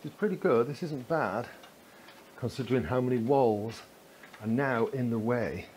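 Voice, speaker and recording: Testing walkie-talkies in the hallways of a residential building, a vlogger keeps up a relaxed, chatty commentary as he films. His voice is medium in pitch with a darkish tone and a slightly slow delivery, and the background noise is clearly audible.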